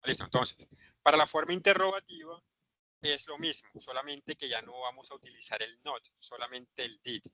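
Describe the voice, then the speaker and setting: A man teaching an online English grammar class, patiently repeating examples and speaking slowly over a video call. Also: mid-range voice, sharp tone, dry recording, low-quality recording.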